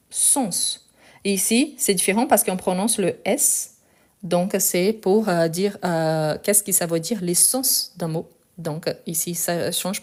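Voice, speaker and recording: A woman's voice: mid-range voice, a little mellow. Woman teaching French pronunciation live. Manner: explanatory, repeats key points with "ok?" checks. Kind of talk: live online language lesson.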